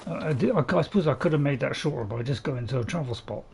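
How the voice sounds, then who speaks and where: A man's voice: mid-range voice, quick pace, gravelly, darkish tone, breathy edge. A man giving rambling, casual commentary as he plays a video game. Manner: rambling, chuckling asides. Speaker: gamer recording a playthrough.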